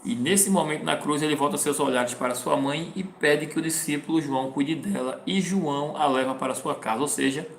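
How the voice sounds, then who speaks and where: A man's voice: a little high, brisk, creaky, hardly any pauses, roomy sound. Man, Bible teaching, reads verses then explains, faint hum behind. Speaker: preacher. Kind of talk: Bible teaching with scripture reading.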